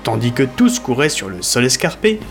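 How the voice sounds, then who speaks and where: A man's voice: medium pitch, sing-song, moderate pace, creaky, faint music behind. A man narrating a scripted audio story in a dramatic storytelling manner.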